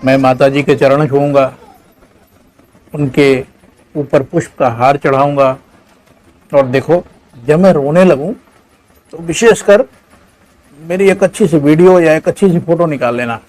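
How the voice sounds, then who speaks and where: A man voicing a selfish, impatient grown son who talks in loud, pleading excuses. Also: a little high, measured pace, long pauses, lightly acted. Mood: eager.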